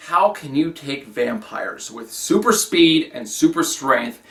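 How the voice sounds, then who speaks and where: A man's voice: fairly high pitch, expressive, takes it slowly, a bit bright. A man giving a sarcastic, exasperated scripted film review. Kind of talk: scripted comedic review narration.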